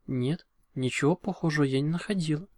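A man's voice: fairly high pitch, brisk, darkish tone, no room sound, clean studio sound, close to an everyday voice. A man voicing a kind, eager young female unicorn in an audiobook. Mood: cheerful. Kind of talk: audiobook reading.

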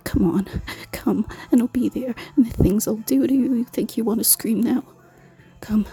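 A woman voicing a seductive, menacing female succubus in an erotic audio roleplay, in a slow, teasing, commanding whisper. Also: on the high side, exaggerated voice. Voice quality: soft, breathy whisper.

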